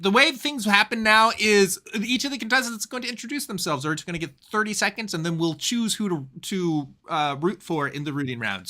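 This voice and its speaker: Casting: female livestream host, bright and very animated, casual, slightly scattered and hesitant. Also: medium pitch. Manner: scattered, hesitant, thinking aloud. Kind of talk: casual unscripted hosting.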